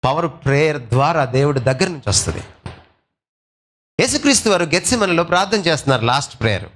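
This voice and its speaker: A male pastor preaching a sermon, asking rhetorical questions, slipping English phrases into his talk, and swinging between loud and soft delivery. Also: on the high side, very animated, fast, slight background noise.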